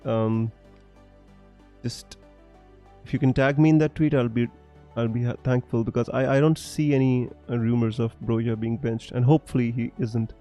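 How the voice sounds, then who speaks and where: A young fantasy football streamer from Punjab, India, with a mixed accent that's hard to place, chats casually on a live stream while reading comments. His medium-pitched, warm voice holds fairly even intonation at normal speed, full of fillers and restarts, and he laughs often, with soft music in the background.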